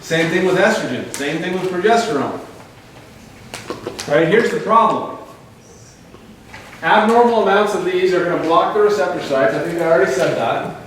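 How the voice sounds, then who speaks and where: A man giving a lively health workshop lecture to a live audience, asking them questions and adding sarcastic asides. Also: sits high, moderate pace, pauses often. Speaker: chiropractor presenting a health workshop. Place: large echoey room with a live audience. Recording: very echoey room, distant mic, faint noise.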